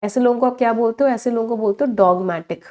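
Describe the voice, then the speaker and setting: Indian woman teaching vocabulary, higher voice. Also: a little mellow. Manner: quizzing students, drawing out each English word slowly. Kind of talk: live online exam-prep class.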